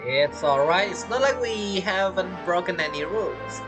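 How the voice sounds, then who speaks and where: Over background game music, a non-native English-speaking woman streamer talks casually through her gameplay, muttering reactions as she thinks out loud. She has a lowish, animated voice at a moderate pace.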